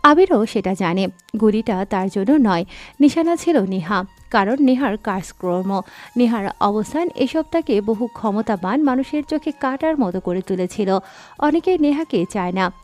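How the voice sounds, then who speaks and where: A woman narrating a dramatic story in a scripted, expressive reading. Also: mid-range voice, normal speed. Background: faint background music.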